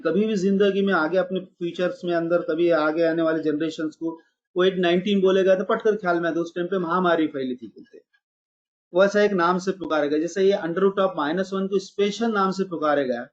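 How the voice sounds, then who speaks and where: A man's voice: high voice, normal speed, lo-fi sound. A man teaching a math class online, calling his students "beta" and mixing English math terms into his explanations.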